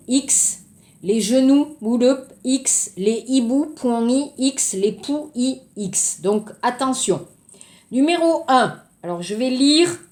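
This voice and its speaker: A woman teaching French in a recorded lesson, going slowly and explaining word by word. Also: a little high, a little mellow, echoey room.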